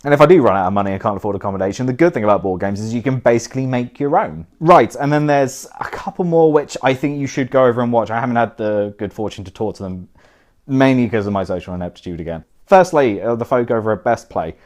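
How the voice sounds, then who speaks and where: A young board game reviewer sits indoors by a fire and casually thanks his viewers, poking fun at himself with dry asides that trail off into mumbles. His voice is mid-range, fast and a little mellow.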